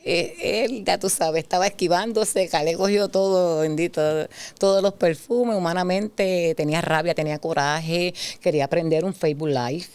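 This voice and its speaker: A woman's voice: fairly low pitch, moderate pace, clean tone. A middle-aged woman, sharing a personal testimony in conversation and acting out past exchanges as she tells it. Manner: animated storyteller who acts out past dialogue. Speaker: guest sharing her testimony.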